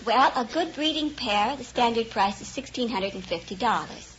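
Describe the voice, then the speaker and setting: Her voice fairly high, bright, and expressive at a moderate pace, a Kansas chinchilla rancher answers a radio quiz host with good humour and a bit of hesitation. The conversation sounds unscripted, captured in a dull, noisy old recording with a studio audience.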